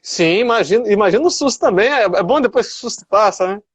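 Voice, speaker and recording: High-voiced interviewer in a dry room. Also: male voice, lively intonation, fast, slightly rough, dry recording. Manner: brief affirmations and short questions. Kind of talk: casual interview.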